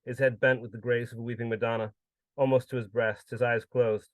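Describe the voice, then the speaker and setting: Man, literary prose reading, measured and solemn, dry recording. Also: mid-range voice, little pitch movement, no room sound. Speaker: contributor reading his story.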